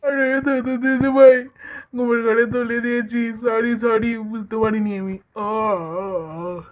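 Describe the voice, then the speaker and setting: A woman's voice: on the high side, steady tone, unhurried, close to an everyday voice. A woman voicing an easygoing older brother in a doll cartoon, speaking mildly and apologetically. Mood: apologetic.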